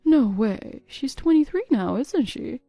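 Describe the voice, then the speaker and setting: A woman's voice: high voice, big pitch swings, a little slow, mellow, dry recording, faint music behind, exaggerated voice. A woman voicing a chatty middle-aged friend who asks nosy questions. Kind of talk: text-story voice acting.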